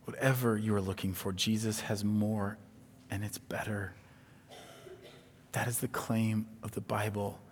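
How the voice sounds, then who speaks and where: Guy preaching an evening sermon, earnest, swings from loud and high to quiet and low, big hall echo. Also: flat delivery, measured pace, long pauses, a little hiss or hum. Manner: earnest, builds in pitch and volume when retelling, then drops soft and low. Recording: long hall reverb.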